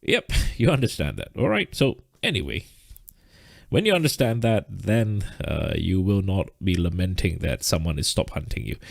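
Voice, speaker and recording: A man's voice: low voice, very animated, normal speed, gravelly, no echo, studio quality. A man teaching a live trading lesson, explaining step by step and checking in with "right?", short of breath. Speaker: trading instructor.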